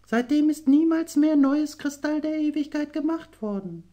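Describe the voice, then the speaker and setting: A man voicing a tearful, gentle young mermaid princess in an audiobook, speaking softly and slowly. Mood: sorrowful. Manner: soft, high storytelling voice with slow, drawn-out phrases. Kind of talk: audiobook character voice.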